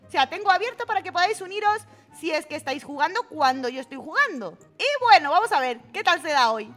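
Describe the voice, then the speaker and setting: A young woman with a Peninsular Spanish accent chatters through an online game, her voice very high and lively, jumping all over its range. She squeals and exclaims constantly, and game music plays behind her. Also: quick pace. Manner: excitable, giggly, exclamatory. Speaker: gaming channel host. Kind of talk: casual Roblox gameplay commentary.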